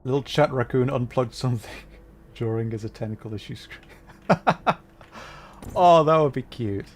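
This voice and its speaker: Talking to his chat during live gameplay, this streamer thinks out loud and keeps interrupting himself. He has a medium-pitched voice and speaks at a normal speed.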